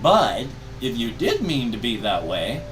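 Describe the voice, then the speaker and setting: An older man, a video creator, rambles through a casual personal vlog, stressing his words emphatically. His mid-range voice swoops wildly in pitch at an unhurried pace. The mic is distant and music plays behind him.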